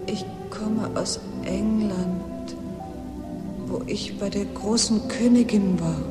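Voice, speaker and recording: A woman's voice: mid-range voice, slow, roomy sound, close to an everyday voice. A woman playing a masked messenger who earnestly reports to her chief in a radio play. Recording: loud music behind.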